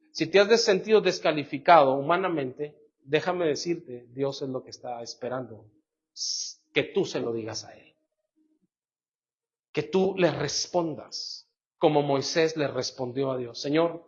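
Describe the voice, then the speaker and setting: Pastor guy preaching, high voice, lots of questions to the crowd, kinda muffled recording. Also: measured pace. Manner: animated preaching, rhetorical questions to the congregation. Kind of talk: sermon. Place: church. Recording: dull lo-fi church recording.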